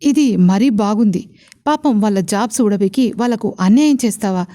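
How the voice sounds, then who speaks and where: A woman's voice: medium pitch, normal speed, mellow, close to an everyday voice. A woman voicing an irritable, spiteful younger aunt-in-law in a storybook romance, sounding snippy and annoyed. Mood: irritated.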